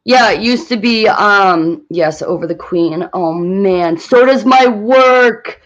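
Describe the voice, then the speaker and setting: A woman's voice: mid-range voice, slow pace. Laid-back joking woman, slightly dull sound. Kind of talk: casual chat.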